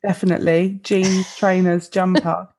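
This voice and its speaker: A woman's voice: lowish voice, level tone, measured pace, a little mellow. A woman co-hosting a podcast, teasing dryly and laughing often in casual chat. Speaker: podcast co-host.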